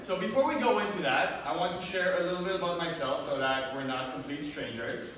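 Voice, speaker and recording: A man's voice: fairly high pitch, brisk. Man, from Romania, motivational speaker, live seminar, asks the audience questions, reverberant hall, faint background noise. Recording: echoey hall, from far off.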